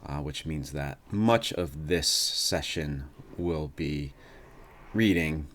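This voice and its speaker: A man hosting a casual let's-play, musing aloud in an unhurried way and reading out game text. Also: rumbling low, fairly bright tone. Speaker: gaming host. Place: indoors, seated at a computer. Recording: faint noise, chair creaks. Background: creaking chair, faint background noise.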